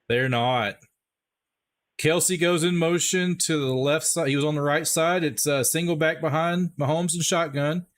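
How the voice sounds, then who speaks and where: A man's voice: fairly high pitch, a little slow. Upbeat Texan man calling football live. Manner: chatty, upbeat, addresses viewers as guys. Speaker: livestream play-by-play host. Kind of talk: live play-by-play commentary with chat shout-outs.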